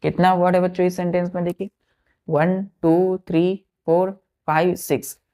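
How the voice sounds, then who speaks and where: Woman, teacher, low voice, unhurried, spells words letter by letter, repeats and checks in with students. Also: little pitch movement, mellow. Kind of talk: classroom vocabulary lesson.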